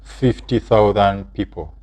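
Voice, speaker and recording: Very deep-voiced Ugandan man explaining. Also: takes it slowly, a little mellow. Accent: Ugandan English. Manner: explains steps plainly, with fillers and short affirmations. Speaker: channel co-host. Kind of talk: explanatory casual chat.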